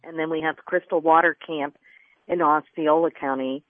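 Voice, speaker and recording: A woman's voice: low voice, steady tone, moderate pace, dry recording. A woman from Florida, a journalist and environmentalist, explaining earnestly as a radio interview guest over the phone. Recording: tinny phone line.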